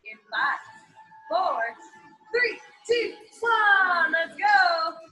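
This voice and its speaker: A woman in her thirties leading a workout as an aerobics instructor, calling out counts with peppy, encouraging shouts and cheers in a large gym. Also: high voice, big pitch swings, slow, soft background music, low-quality recording. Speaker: group fitness instructor. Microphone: a few feet from the camera.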